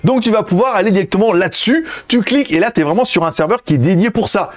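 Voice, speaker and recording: A man's voice: sits high, fast. A man doing a chatty tech review, talking straight to his viewers. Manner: chatty, addresses viewers directly.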